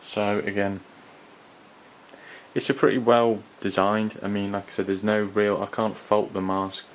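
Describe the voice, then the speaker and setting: Reviewing gas mask gear hands-on and without a script, this man speaks in a low, flat voice, halting and rambling as he hesitates. The recording is low quality, and the background noise is easy to hear.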